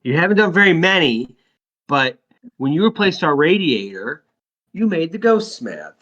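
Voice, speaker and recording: A man's voice: on the high side, normal speed, muffled recording. A man joking around as a player in a tabletop game. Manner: joking, lively. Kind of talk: casual role-play banter.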